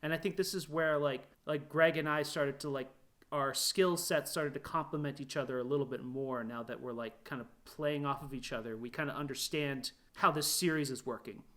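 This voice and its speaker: A man who is a guest animator on a podcast, talking in a casual, animated way with frequent laughs and filler words. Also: on the high side, normal speed. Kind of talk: casual chat.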